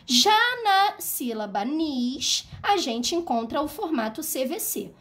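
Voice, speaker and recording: A woman's voice: sits high, big pitch swings, slow, a bit bright. A woman teaching a video lesson for children, patient and step by step, checking in often and singing out words to show the stressed syllable. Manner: patient, explains step by step, frequent "tá?" and "né?". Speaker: primary school teacher.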